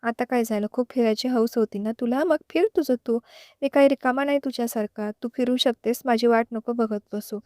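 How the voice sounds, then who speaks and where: A woman's voice: on the high side, brisk, warm tone, dry recording, clean studio sound, close to an everyday voice. A woman reading a storybook voices a cold, dismissive young husband who scolds his wife. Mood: curt.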